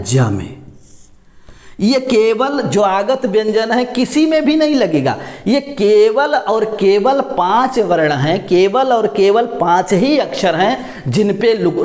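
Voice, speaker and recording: Man, grammar teacher, high voice, slow and deliberate, repeats key words, roomy echo. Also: darkish tone. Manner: repeats words, asks and answers own questions. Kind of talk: classroom explanation.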